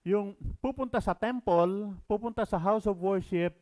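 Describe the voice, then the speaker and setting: A middle-aged Filipino-accented man delivering a radio sermon, his voice sitting a little high for a man. He drops into soft, conversational asides, then rises into loud, forceful reading. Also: measured pace. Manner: switches between Tagalog and English, swings from quiet asides to loud emphatic reading.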